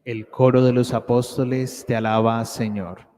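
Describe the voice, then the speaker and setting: A man, a cantor, singing the responses and a hymn in a smooth, sustained way, with cathedral echo around his voice. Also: mid-range voice, flat delivery, a little slow, warm tone. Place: large church. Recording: long church-hall reverb with music.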